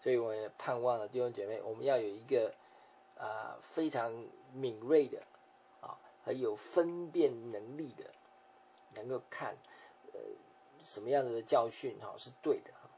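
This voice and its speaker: Gravelly-voiced male pastor preaching. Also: mid-range voice, normal speed, a little hiss or hum. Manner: explanatory, with frequent softening tag particles. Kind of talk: sermon. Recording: dull lo-fi recording.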